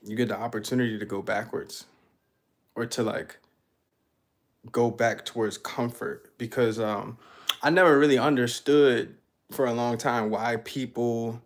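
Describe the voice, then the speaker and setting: A man's voice: mid-range voice, steady tone, a little slow. A young man musing aloud in a casual, reflective monologue, loose and full of fillers. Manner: laid-back, loose, full of fillers like "you know what I'm saying". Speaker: artist talking about his life.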